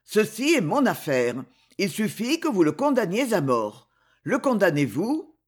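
A man's voice: high-pitched, wildly swooping pitch, measured pace, slightly rough, exaggerated voice. A man reading as a fawning, sinister little spy. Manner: fawning yet sinister, intense. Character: scheming small ambitious male spy lawyer. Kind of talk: audiobook character reading.

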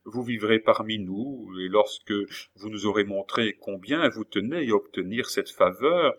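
A man reading a calm, dignified princess. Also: lowish voice. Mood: reassuring. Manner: measured, dignified, reassuring. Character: royal princess turned nun, calm, commanding, kindly. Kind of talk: audiobook character voice.

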